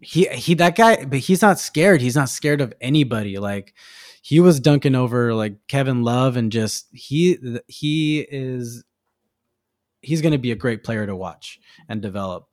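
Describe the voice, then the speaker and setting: A man's voice: mid-range voice, expressive, a little slow, no echo, studio quality. Rambling laid-back male guest. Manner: loose and rambling, many fillers and restarts, laughs easily. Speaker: guest, tattoo artist. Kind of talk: casual interview chat.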